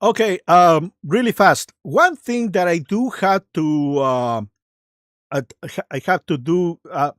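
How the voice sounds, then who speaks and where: A livestream host giving casual, improvised commentary in a halting, searching way, with a mocking, sarcastic and combative manner. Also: medium pitch, expressive, no echo, clean studio sound.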